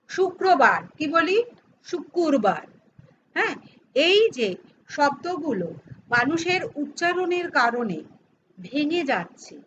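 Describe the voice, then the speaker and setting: A woman's voice: high voice, sharp tone, muffled recording, slight background noise. A middle-aged woman teaching a grammar lesson to students, explaining step by step and asking and answering her own questions. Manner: addresses students informally, teasing aside.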